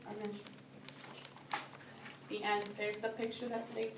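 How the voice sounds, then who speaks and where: With a mid-range, monotone voice and a measured pace, this woman teaches preschool or early grades, reading a storybook to young children in an indoor room. She discusses it with them patiently and in simple terms, echoing their answers. The audio comes from a phone or camera far away, giving a roomy, noisy recording.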